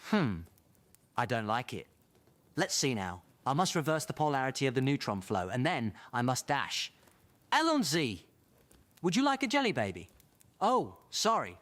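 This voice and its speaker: A man playing an excitable, eccentric time traveller in a fan audio drama, rambling theatrically to himself. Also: mid-range voice, normal speed, pauses often, no echo. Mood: breezy. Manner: theatrical, rambling self-talk.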